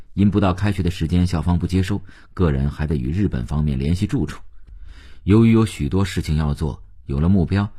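A middle-aged man narrating an audiobook in an expressive storyteller's manner, with a husky voice. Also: rumbling low.

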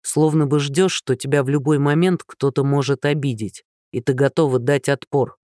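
A man reading an audiobook, voicing Lyosha, a burly, gentle, earnest captain, in a lower, earnest voice. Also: steady tone, moderate pace, no room sound, clean studio sound, close to an everyday voice.

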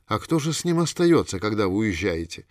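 Quiet curious heroine, soft short questions, voiced plainly by a male reader, dry sound. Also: lowish voice, very animated, fairly quick, no echo. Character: woman in love, the heroine, curious.

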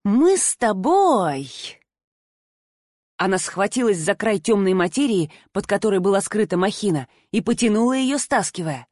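A woman narrating a first-person audiobook in an expressive reading voice. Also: medium pitch, fairly quick, few pauses, no room sound, clean studio sound.

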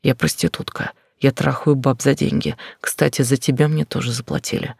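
A man's voice: fairly even intonation, moderate pace, no echo, clean studio sound. A man voicing a cold, whispering young hustler. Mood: cold mocking. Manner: low, husky, menacing half-whisper.

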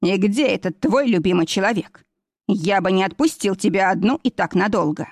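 This is a calm, self-assured young man who keeps pressing his suit, read by a woman narrator. The voice stays level and mid-pitched, close to the mic in a dry storybook recording. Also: moderate pace, no echo. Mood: insistent. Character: confident young man, persistent suitor.

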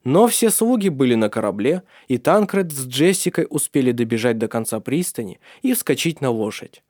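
A man narrates a novel in an expressive audiobook reading. His voice sits at an ordinary mid pitch. The sound is close and dry, with no room echo. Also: moderate pace.

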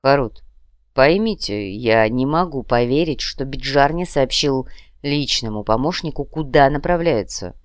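A woman reading an audiobook voices a calm, measured male grand master with soft irony. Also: rumbling low, smooth, no echo, clean studio sound, pitched below the performer's own voice. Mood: cool. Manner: measured, softly ironic.

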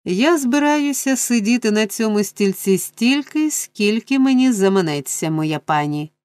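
A woman voicing a pompous, domineering middle-aged male parish beadle in an audiobook, blustering and self-important with drawn-out emphasis. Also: mid-range voice, lively intonation, a little mellow, no room sound, studio quality, natural voice. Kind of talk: audiobook character reading.

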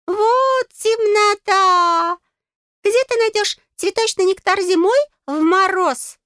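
A woman voicing a tiny male fairy in an audiobook, squeaky, pompous and greedy, with a bossy, indignant manner. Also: takes it slowly, fairly bright tone, dry recording, clean studio sound, heavily acted. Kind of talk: audiobook character voice.

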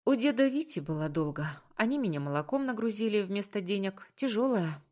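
A woman's voice: medium pitch, animated, fairly quick, darkish tone, pitched above the performer's own voice, natural voice. A woman reading a story, voicing a young village woman who is frightened and emotional. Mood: flustered.

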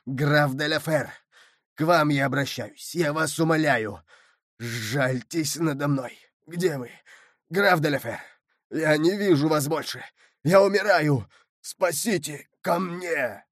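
A man's voice: fairly high pitch, slow pace, a bit bright, no echo, clean studio sound. A man voicing a desperate young male villain drowning and pleading for help, with breaking cries.

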